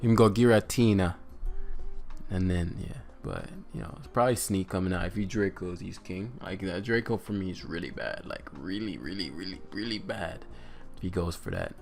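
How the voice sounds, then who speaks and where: Deep gravelly man commenting on gameplay. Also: expressive, fairly quick, few pauses, faint music behind. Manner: thinking aloud, muttering, many fillers. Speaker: competitive game player and commentator. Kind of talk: casual live gameplay commentary.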